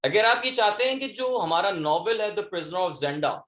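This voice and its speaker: A man's voice: high-pitched, expressive, moderate pace, fairly bright tone, roomy sound. A male teacher with a Pakistani accent, reading exam questions and options aloud and mixing Urdu with English. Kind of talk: exam solution lesson.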